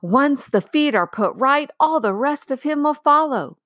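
A woman's voice: high voice, expressive, a little slow, fairly bright tone, no echo, studio quality, pitched above the performer's own voice. A woman voicing a great male lion in a storybook, calling out joyously with assured, reassuring authority.

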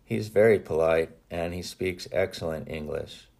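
Deep, mellow man reading his memoir. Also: a little slow, creaky. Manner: earnest, reflective storytelling with small restarts. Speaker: author reading his own book. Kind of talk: audiobook narration.

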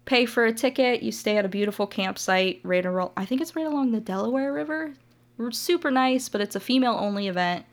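A woman's voice: fairly high pitch, expressive, fairly quick. A young adult woman from Ohio, a motovlogger guest chatting casually on a podcast, laughing often.

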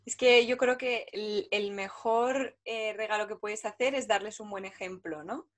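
A woman's voice: medium pitch, a little slow. A woman from Spain hosting a podcast interview, talking in a reflective way and often adding tag questions. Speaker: podcast host. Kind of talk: casual interview talk.

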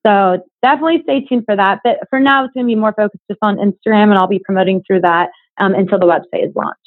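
A woman's voice: mid-range voice, fast, no room sound, phone-quality sound. A young woman chatting casually as an interview guest, a fitness coach with a bubbly, giggly manner.

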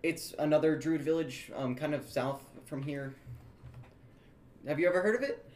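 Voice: medium pitch, normal speed, darkish tone, a little hiss or hum. A player speaking hesitantly and informally in a casual improvised tabletop role-play.

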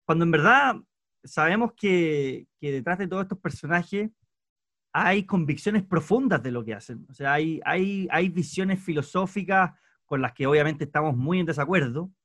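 A male host with a fairly high voice, recorded dry and close with no room sound. He leads a casual discussion. He talks hesitantly, restarting his phrases again and again. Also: animated, moderate pace, a bit bright, no echo.

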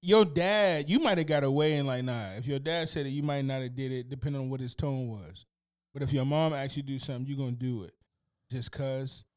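A man co-hosting a podcast in casual chat, telling stories in a loose, animated, profane way. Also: mid-range voice, a little fast. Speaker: podcast co-host.

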